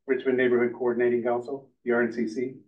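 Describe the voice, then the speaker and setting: An older man introducing himself at a public committee meeting, listing his civic roles in a halting way with many pauses. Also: mid-range voice, level tone. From Finland, raised in California. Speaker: committee member, neighborhood council chair. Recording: distant, phone-like meeting recording.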